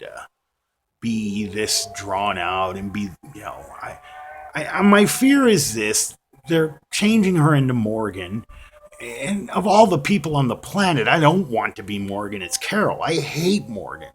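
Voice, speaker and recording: A man's voice: mid-range voice, breathy edge. A man casually ranting about a TV episode to his viewers, rambling and self-deprecating, with constant "you know"s and restarts. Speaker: vlogger reviewing a TV episode. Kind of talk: casual rant to camera.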